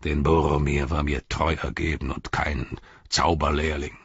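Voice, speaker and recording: A man's voice: a bass voice, little pitch movement, a little slow, slightly rough, no echo, highs cut off, heavily acted. Man voicing a bitter old ruler. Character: bitter aging ruler, proud and scornful father. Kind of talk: audiobook character reading.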